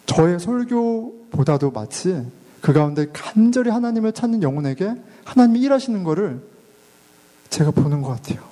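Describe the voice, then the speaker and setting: A man's voice: high-pitched, big pitch swings, moderate pace, mellow. A man in his thirties, a father and pastor, preaching a sermon in a chatty way and putting questions to the congregation. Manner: conversational, asks the congregation questions.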